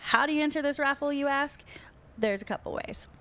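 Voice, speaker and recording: A woman's voice: high-pitched, fairly quick, fairly bright tone. Upbeat woman talking sports. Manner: upbeat, chatty, laughs easily. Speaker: podcast co-host. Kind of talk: casual sports talk.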